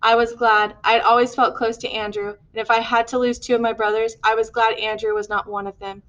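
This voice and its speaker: A woman's voice: a little high, level tone, fairly quick, fairly bright tone, muffled recording. Woman narrating an audiobook. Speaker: audiobook reader.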